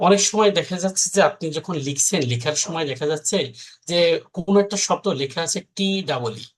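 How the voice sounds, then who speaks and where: A man's voice: fairly high pitch, animated, fast talker, slight background noise. A man, teaching a recorded exam-prep lesson in a conversational way, explaining step by step and often checking that his listeners follow.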